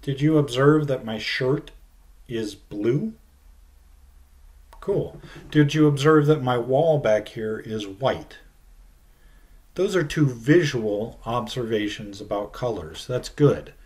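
Seated at his desk in a small, plain room, a middle-aged man teaches a science lesson for a webcam video lecture. His medium-pitched, slightly mellow voice moves at a slow, unhurried pace as he explains each idea deliberately, his phrase endings falling away.

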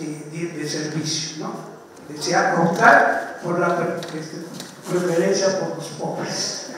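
Male audience commenter, high and slow, pausing between phrases, in a noisy, heavily echoing room. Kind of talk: comment from the floor at a lecture. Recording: distant, very echoey room with clear noise.

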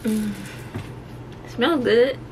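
A woman's voice: on the high side, very slow. A young adult woman vlogging casually as she cooks, talking loosely to her viewers and swearing now and then. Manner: loose, chatty, swears, talks straight to viewers. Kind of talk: casual cook-along vlog. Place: small home kitchen, indoors. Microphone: handheld camera, moved around. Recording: noisy home recording.

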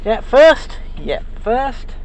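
A man's voice: very high-pitched, very animated, extremely slow, darkish tone. A man in his forties giving dry, understated commentary while testing an old car, filmed on a handheld camera inside and around the vehicle. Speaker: vlogger. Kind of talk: casual running commentary. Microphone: handheld action camera. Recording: faint engine idle behind.

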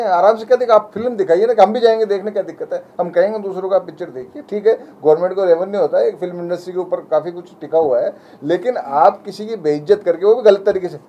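Rapid, emphatic and both pleading and indignant, a young man speaks to reporters on behalf of his community in an impassioned statement. His voice is high-pitched and the sound quality is lo-fi.

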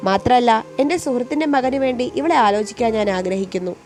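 A woman's voice: fairly high pitch, lively intonation, fast talker, darkish tone, close to an everyday voice. A woman voicing a stern middle-aged father who refuses his daughter's chosen match, speaking curtly and scolding. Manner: curt and scolding. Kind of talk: storytelling voice acting.

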